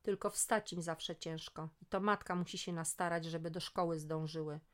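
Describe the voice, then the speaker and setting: Lower-voiced woman reading a story. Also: steady tone, normal speed.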